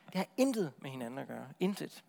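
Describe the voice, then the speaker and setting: Preaching with lively, chatty energy, this man frequently repeats words and checks in with the congregation. His pitch is medium, with a creaky texture.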